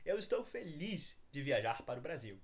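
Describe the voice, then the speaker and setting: A Brazilian man whose first language is Portuguese, speaking English with a Brazilian accent and teaching Portuguese in an upbeat manner, repeating phrases slowly. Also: a little high, sing-song. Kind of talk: language lesson, mixing English explanation with Portuguese examples.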